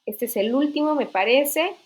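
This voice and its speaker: A female teacher with a high-sitting voice explains writing rules at a moderate pace during an online literature class. She is patient and frequently checks that her students are keeping up, recorded on a computer microphone.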